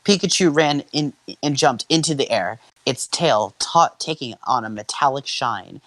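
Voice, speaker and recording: A man reading fanfiction aloud to friends, stumbling over words and jumping high for the characters' lines. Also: animated, normal speed, noisy background. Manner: acts out shouted lines in a high voice, stumbles and laughs. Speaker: fanfiction reader and channel host.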